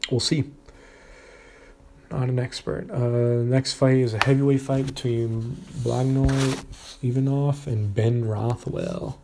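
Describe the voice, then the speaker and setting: A man's voice: mid-range voice, fairly even intonation, slow pace, warm tone, slight background noise. A man casually previewing upcoming fights, talking in a hesitant way with many fillers and restarts. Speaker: fight predictions commentator.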